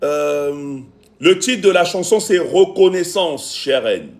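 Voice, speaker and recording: A man with a somewhat high voice hosts a casual live stream into his phone. He repeats himself a lot, fills gaps with "euh" and "voilà", and pleads with his viewers. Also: animated, takes it slowly. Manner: repetitive, pleading with viewers, many fillers. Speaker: live-stream host and music producer.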